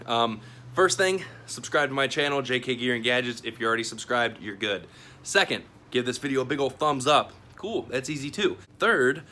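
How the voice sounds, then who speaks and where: This American YouTube host has a medium-pitched, fairly bright voice and talks to camera casually and conversationally about a product review and a giveaway. Noticeable ambient noise fills the background.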